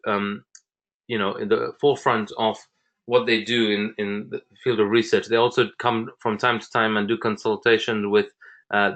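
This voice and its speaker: A man's voice: mid-range voice, a bit bright. Enthusiastic man in his thirties. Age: 30s. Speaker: fitness program founder. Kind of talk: presentation talk.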